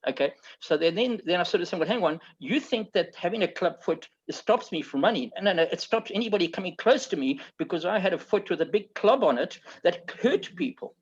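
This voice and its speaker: A man's voice: high-pitched, expressive, a little fast, hardly any pauses, slightly rough. Rambling Zambian-raised man, dull lo-fi sound. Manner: rambling, repeats words, frequent "okay". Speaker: founder being interviewed. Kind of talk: conversational storytelling.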